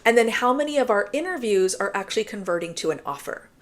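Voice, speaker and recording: A woman in her thirties telling a work story to her viewers in a chatty, animated way, often laughing and acting out what people said. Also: mid-range voice, fast talker. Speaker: recruiting vlogger. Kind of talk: casual storytelling to camera.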